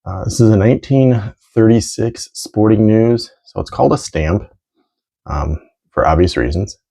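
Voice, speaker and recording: Recorded lo-fi at home, a middle-aged American man presents vintage sports cards in a casual, unscripted show-and-tell, rambling as he thinks aloud. His voice is fairly low, creaky and dark, at a moderate pace.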